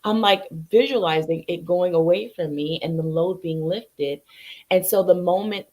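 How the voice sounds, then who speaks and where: A woman's voice: lowish voice, moderate pace, darkish tone. Heartfelt, teary woman host. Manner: emotional, heartfelt, a little teary. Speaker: podcast host. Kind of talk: casual interview chat.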